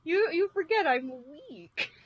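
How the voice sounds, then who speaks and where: A woman's voice: very high-pitched, animated, measured pace, no echo, poor audio. A woman co-hosting a podcast in a Wisconsin accent, chatting casually in a giggly, self-mocking way. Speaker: podcast co-host. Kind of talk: casual chat.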